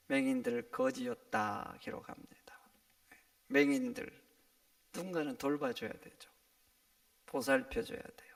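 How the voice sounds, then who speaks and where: A man preaching a sermon as a pastor, dropping to hushed whispers and then rising to loud, emphatic cries. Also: high-pitched, gravelly, distant mic. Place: church sanctuary.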